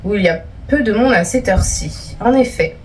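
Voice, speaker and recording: A woman's voice: mid-range voice, expressive, a little fast, distant mic, soft background music. A young woman vlogger reading out viewer stories and teasing them in casual, playful chat.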